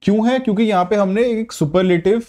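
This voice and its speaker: Man, teacher, high-pitched, mellow, patient exam-prep explaining. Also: a little fast. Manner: patient, repeats "ठीक है" to check understanding. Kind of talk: explaining grammar to exam students.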